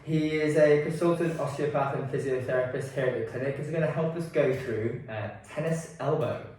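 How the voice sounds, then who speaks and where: A man's voice: mid-range voice, brisk, noisy background. A man hosting an informal workshop, his voice slightly muffled as he talks through a face mask. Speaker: workshop host at an osteopathy and physiotherapy clinic. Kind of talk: informal clinic workshop presentation. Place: indoor room at a clinic. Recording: very echoey room, distant mic.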